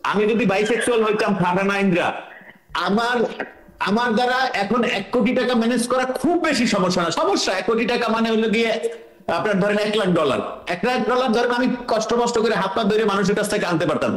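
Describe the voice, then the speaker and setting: A man's voice: sits high, animated, quick pace, fairly bright tone, roomy sound. A man on a talk show panel, ranting crudely and with lots of swearing over a video call. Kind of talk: heated online talk show discussion.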